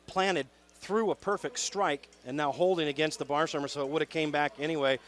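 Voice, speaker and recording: A man's voice: a little high, steady tone, a little fast, fairly bright tone. A man giving color commentary on an arena football game, explaining plays with frequent fillers. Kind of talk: radio sports commentary.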